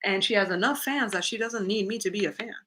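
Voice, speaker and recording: A YouTuber hosts a livestream Q&A from her living room, chatting candidly, reading viewers' comments aloud and laughing often. Her voice is on the lower side and she talks fast, with noise in the background.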